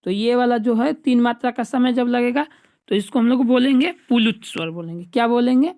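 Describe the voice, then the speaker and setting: A woman with a fairly high voice teaches an exam-prep class. She explains each point patiently and step by step. She keeps checking in with the class and turns key terms into questions before answering them herself. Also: a little fast, dark tone.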